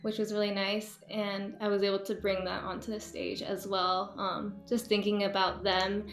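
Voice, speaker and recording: A woman's voice: mid-range voice, level tone, normal speed, faint music behind. A young woman from the Bay Area telling her personal story as a community theater performer, in a casual way with many fillers. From Bay Area, USA. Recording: echoey room.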